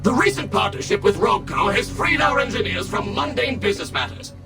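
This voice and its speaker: A man voicing an overly smooth, polite robot tour guide in a video game, with a slick, sing-song sales-pitch delivery. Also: expressive, a little fast. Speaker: receptionist and museum tour guide. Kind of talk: video game character dialogue. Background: game music.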